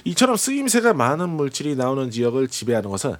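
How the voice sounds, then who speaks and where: A man presenting and explaining a film in a measured, polite, scripted way to a host. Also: medium pitch, big pitch swings.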